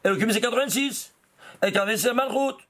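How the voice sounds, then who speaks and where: High-voiced rabbi teaching with animated swings. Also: male voice, fast talker. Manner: animated, asks rhetorical questions and answers them himself; keeps saying "alors" and "vous voyez" to the class. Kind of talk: Kabbalah lesson explaining diagrams and letter numbers.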